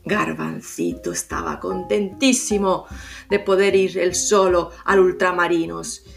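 A middle-aged woman tells a children's story in an expressive, unhurried way. Her voice has a gravelly grain, and faint music plays under the narration. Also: on the low side. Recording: music bed.

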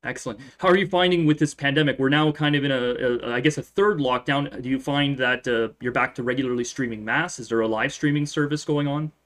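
A man's voice: mid-range voice, fairly quick, hardly any pauses, a bit bright. A man, a priest, hosting an interview program and asking questions in a friendly, conversational way.

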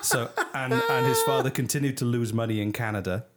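A man's voice: mid-range voice, brisk, heavy background noise. A British man hosting a casual podcast, joking and laughing often, with frequent restarts. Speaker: podcast host.

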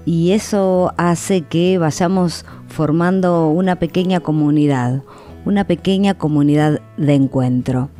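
An Argentine woman hosts a radio program in a low, mellow voice. She speaks slowly and reflectively, circling back over her phrases, with faint music underneath. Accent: Argentine Spanish. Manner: slow, reflective, repetitive phrasing. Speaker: radio host.

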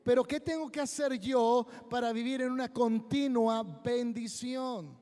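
Male preacher, high voice, unhurried emphatic sermon delivery, reverberant hall. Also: dark tone. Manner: slow, emphatic preaching with drawn-out phrases. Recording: long reverb of a large hall.

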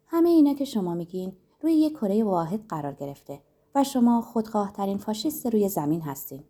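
A woman's voice: medium pitch, very animated, warm tone. A woman voicing a carefree young immigrant woman who teases and argues in a breezy way in a story. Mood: teasing, breezy. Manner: teasing, breezy, argumentative.

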